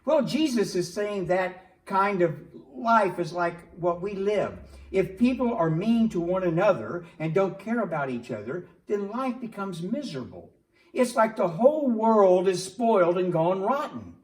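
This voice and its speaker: A man's voice: high-pitched, big pitch swings, a little slow. A man voicing a cheerful male puppet friend in a church skit, patiently explaining and angling for chips. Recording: echoey room, distant mic.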